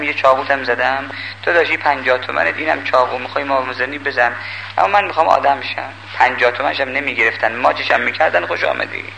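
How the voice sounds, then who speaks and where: An older man preaching a sermon in a lively, emphatic way, pleading with and scolding his listeners. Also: medium pitch, gravelly, a little hiss or hum, rough recording.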